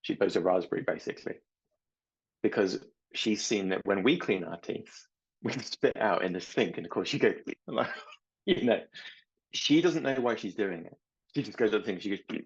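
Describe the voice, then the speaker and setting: A middle-aged man and mindset coach talking slowly and reflectively, telling small stories about his children. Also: lowish voice, slightly rough, highs cut off. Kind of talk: reflective talk to camera.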